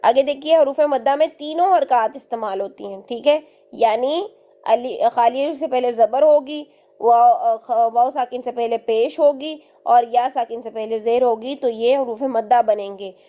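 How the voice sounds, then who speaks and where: A woman's voice: fairly high pitch, a little slow, highs cut off. A woman teaching a recitation lesson step by step, patiently repeating each point and checking in often.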